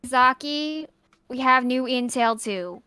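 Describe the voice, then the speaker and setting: Bright, fairly high woman streamer, playful, casual, reads game lines. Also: slow pace, smooth, no echo, faint music behind. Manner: playful, giggly, jokes about herself. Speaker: streamer playing a visual novel.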